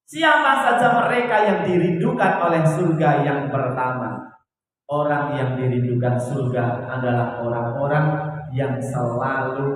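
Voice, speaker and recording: A man with a Javanese accent preaching to a women's study group, in a lively, sing-song style that swings between loud and soft. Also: mid-range voice, measured pace, slight background noise. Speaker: Islamic preacher. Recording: echoey hall, voice from a distance.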